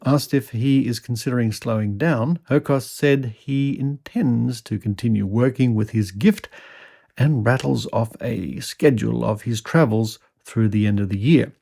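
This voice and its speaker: A man with a gravelly, creaky voice reads an old article aloud as a podcast host. He is mid-pitched and drops in wry comments between passages. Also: measured pace, mellow. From Australia. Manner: wry asides while reading. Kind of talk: reading an old news article aloud with asides.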